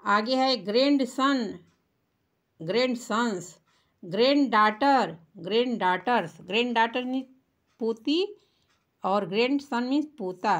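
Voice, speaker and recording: A woman's voice: fairly high pitch, slow. A woman teaching children English singular and plural words, patiently spelling them out letter by letter. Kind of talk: children's English vocabulary lesson.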